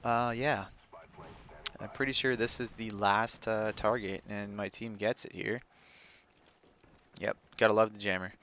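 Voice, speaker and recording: Laid-back gravelly young man commentating. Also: on the low side, fairly even intonation, normal speed, a bit bright, slight background noise. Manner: laid-back, rambling, frequent fillers. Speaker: gameplay commentator. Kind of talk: casual gameplay commentary.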